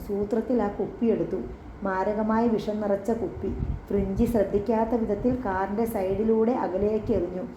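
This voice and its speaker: A woman reads a story aloud in a steady, even narration. Her voice is mellow and dark, caught in a roomy, slightly dull recording with faint noise behind. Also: mid-range voice. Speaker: audiobook narrator. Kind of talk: scripted narration.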